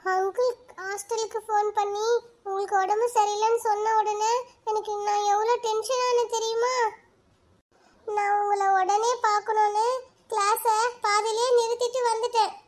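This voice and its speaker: A woman doing an earnest high-voiced schoolboy. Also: flat delivery, moderate pace. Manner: earnest, caring. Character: devoted schoolboy son. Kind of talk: cartoon voice acting.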